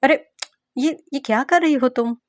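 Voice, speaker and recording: A woman's voice: sits high, a little slow, dry recording, voice pushed up. A woman voicing an exasperated twenty-year-old man, indignant and flustered.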